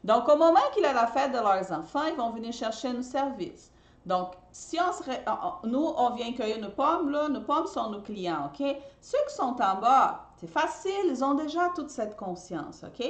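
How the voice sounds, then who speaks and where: Lively woman teaching in an echoey room. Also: fairly high pitch, normal speed. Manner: animated, repeats and restarts words; checks in with listeners often. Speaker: host and trainer. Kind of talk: live teaching talk.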